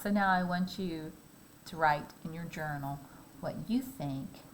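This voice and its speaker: A woman teacher reads a fairy tale aloud to her class in a slow, even, measured way. Her voice sits fairly low, and her words come out calm and clear. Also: a little hiss or hum, poor audio. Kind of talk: read-aloud storytelling.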